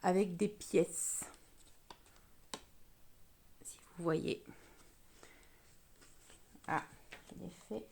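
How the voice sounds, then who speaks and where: A woman with an English accent, native English speaker, giving a relaxed card-making tutorial and chatting as she works. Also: lowish voice, vocal fry, a little hiss or hum. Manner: chatty, slow, talks while working with hands. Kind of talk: crafting tutorial.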